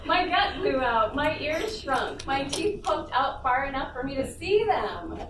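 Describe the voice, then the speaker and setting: A woman on a convention panel, who is also a writer, reads her humorous piece to a small audience with playful, relaxed amusement. Her high-pitched voice has a sing-song quality and measured pace, and the recording is echoey, noisy and far from the mic.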